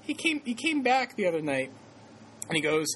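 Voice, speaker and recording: A man hosting a podcast tells a story in a loose, rambling way, stopping and restarting and laughing as he goes. His voice swings widely in pitch. A steady hiss of noise sits under the recording. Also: normal speed. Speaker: podcast host. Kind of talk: casual podcast chat.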